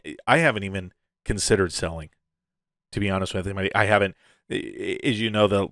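With a low yet fairly bright voice, a crypto video host delivers a casual update full of crypto-bro hype and frequent chuckles. The studio recording is clean, with no audible room.

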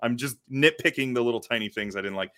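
A young man on a casual podcast, talking in halting bursts with frequent restarts. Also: mid-range voice, fairly bright tone. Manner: halting, many restarts and nitpicks. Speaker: podcast co-host. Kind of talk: casual chat.

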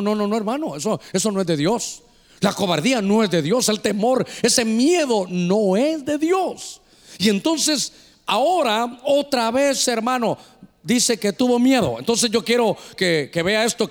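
A man preaching with fervor, his voice pitched high and ringing out. The sound carries a long reverb from a church sanctuary. He keeps turning to the congregation as he speaks. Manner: impassioned preaching, calls listeners "hermano". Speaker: pastor. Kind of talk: sermon. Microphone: handheld microphone.

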